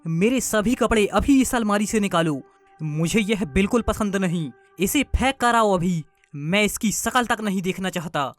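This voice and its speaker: A woman voicing an irritable, easily frightened young husband in an animated story, demanding and stammering. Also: mid-range voice, normal speed, soft background music, lightly acted. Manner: demanding, then panicky and stammering.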